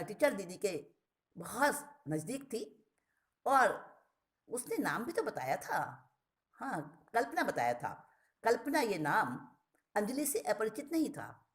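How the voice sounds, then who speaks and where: A woman reading a short story aloud, expressive and often restating a word with a plainer synonym. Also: on the low side.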